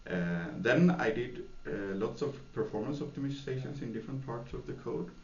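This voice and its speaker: At a normal speed and in a mid-range voice, a Swedish software developer takes interview questions, hesitating and restarting with plenty of fillers. Faint noise hangs over the dull, lo-fi audio from an echoey room.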